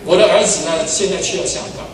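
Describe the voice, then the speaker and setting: An older pastor tells stories in his sermon and moves between loud, excited bursts and quiet asides. His voice sits high for a man and carries from a distance in a very echoey church hall. Steady background noise runs under it. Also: fast talker, a loud crowd. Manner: animated storyteller, swings from loud exclamations to soft asides. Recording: echoey hall, far from the mic, noisy.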